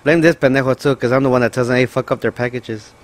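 A man's voice: mid-range voice, steady tone. A young man co-hosting a casual podcast, teasing his friend and chiming in with jokes. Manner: joking, teasing, chimes in with quick asides. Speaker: podcast co-host. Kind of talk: casual chat.

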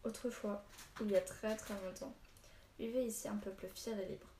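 A woman reads a gruff old hermit who tells stories slowly and loses his temper quickly. The delivery is mellow and even, with little rise and fall. The audiobook recording carries room echo and a faint hiss. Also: medium pitch, lightly acted. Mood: grave. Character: old male hermit storyteller, stern and short-tempered. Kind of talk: audiobook reading.

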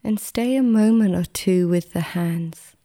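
Slow, mellow woman guiding sleepy relaxation. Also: lowish voice. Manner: soothing, gentle, unhurried with long pauses. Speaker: meditation guide. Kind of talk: guided relaxation meditation, like a sleep story narrator.

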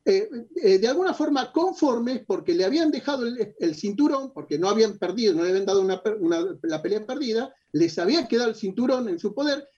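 Man, Argentine accent, boxing journalist, heated argument, insistent, husky, muffled lo-fi sound. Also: sits high, lively intonation, fast, few pauses, a little mellow. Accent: Argentine Spanish. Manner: insistent, talks over the other speaker.

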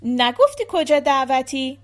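A woman reading a playful woman tailor in a storybook recording, gossipy and teasing, her voice sits a bit high and pushes louder than the narration around it. the reader keeps it close to her own voice. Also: big pitch swings. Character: chatty teasing woman tailor, middle-aged.

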